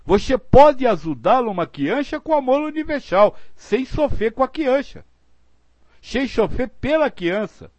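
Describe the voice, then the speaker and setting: A man's voice: very high voice, sing-song, unhurried, darkish tone, no room sound, highs cut off. A man giving earnest spiritual guidance, explaining points patiently and acting out example phrasings. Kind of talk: spiritual teaching talk.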